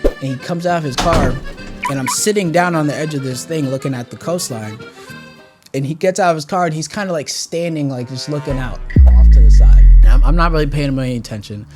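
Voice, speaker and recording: A man's voice: mid-range voice, very animated, a little fast, music in the background. A man in his twenties casually telling a rambling, profane storytime tale to camera. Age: 20s. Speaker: vlogger.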